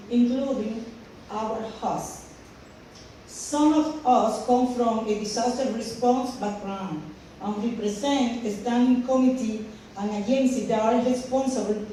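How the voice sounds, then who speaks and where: Woman from the Dominican Republic, mellow higher voice, formal speech, far off in a very echoey hall. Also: slight background noise. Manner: earnest, reading with small slips. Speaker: graduating trainee giving a speech. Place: large hall.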